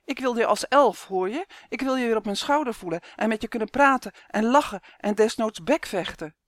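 A woman's voice: on the high side, expressive, fairly quick, no room sound, studio quality, voice pushed up, natural voice. A woman voicing an earnest young boy who pleads with and reassures his friend. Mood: pleading. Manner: pleading, urgent.

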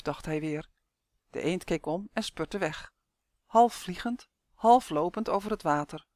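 Audiobook narrator reading a kids' story, expressive, mid pitch, dry close sound. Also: no room sound. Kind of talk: scripted narration of a children's story.

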